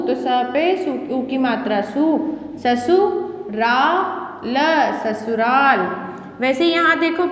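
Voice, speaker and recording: Woman teacher, high voice, slow and patient, echoey room with long reverb. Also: fairly bright tone. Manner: slow, patient, sounding out syllables; asks and answers her own questions. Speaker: school teacher. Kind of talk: online lesson for young children.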